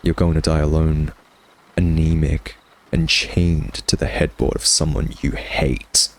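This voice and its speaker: Guy doing a smug hungry vampire, asmr roleplay, really low voice, slow teasing drawl, kinda theatrical. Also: little pitch movement, full character voice. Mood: frustrated, bitter. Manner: sardonic, taunting, drawling, theatrical. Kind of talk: ASMR roleplay, intimate scripted monologue.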